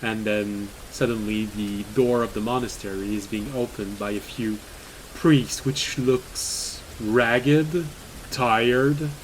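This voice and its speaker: Slow-talking man running a tabletop game. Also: lowish voice, steady tone, rough recording. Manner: slow, chatty narration with frequent laughs and fillers. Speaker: game master. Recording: faint hiss in the background.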